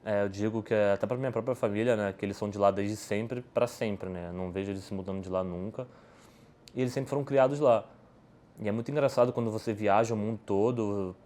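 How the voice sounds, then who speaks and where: A Brazilian poker player appears as a podcast guest, answering questions casually and rambling with lots of restarts and tag questions. His voice sits on the low side with a darkish tone.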